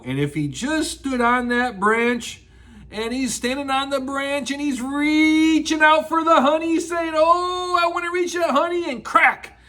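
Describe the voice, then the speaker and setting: A man with a high, bright voice tells a children's story in a rambling grandpa manner. He is slow and playful, repeating himself and drawing out words. He breaks off for asides to his young listeners and throws in sound effects. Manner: exclamatory, making sound effects. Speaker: children's storytelling show host.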